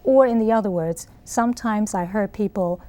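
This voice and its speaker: Her mid-range, mellow voice moves at a normal speed. She's a middle-aged woman from Taiwan with a Taiwanese accent, earnest and explanatory as she answers interview questions, laughing frequently.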